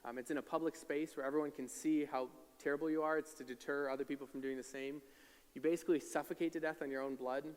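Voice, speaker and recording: Male pastor, a little high, sermon recorded in a reverberant hall; talky scripture retelling with voiced quotes. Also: steady tone, fast talker. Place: church sanctuary.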